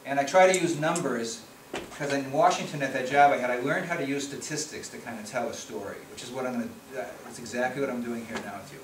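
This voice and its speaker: At a quick pace and medium pitch, a middle-aged Chicago-area policy researcher walks through his slides in a conference meeting room. He talks conversationally, often repeating words and starting over. Recorded from far away, the sound is echoey and noisy.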